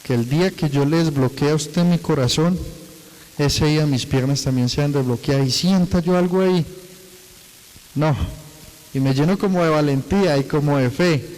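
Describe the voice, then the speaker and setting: A man's voice: fairly high pitch, darkish tone, in a large hall, rough recording. A man giving a personal church testimony, telling it earnestly with many repetitions.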